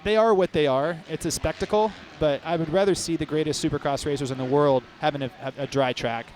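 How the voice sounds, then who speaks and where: A man hosting live race commentary, talking quickly in a chatty, upbeat way from an outdoor stadium. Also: a little high, a little mellow, slight background noise. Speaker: host.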